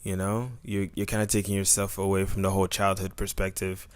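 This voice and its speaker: A man's voice: sits low, monotone, a little fast, no room sound. A man in his twenties co-hosting a podcast, rambling and joking with lots of "you know". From Tampa, Florida. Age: 20s. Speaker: podcast co-host. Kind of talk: casual podcast chat.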